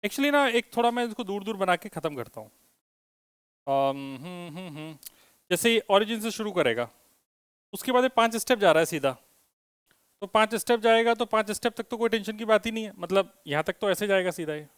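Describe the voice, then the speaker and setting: High-voiced man teaching physics. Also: expressive, a little fast, clear, resonant tone, dry recording, clean studio sound. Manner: asks students questions, teasing and joking. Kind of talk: classroom lecture with students. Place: classroom.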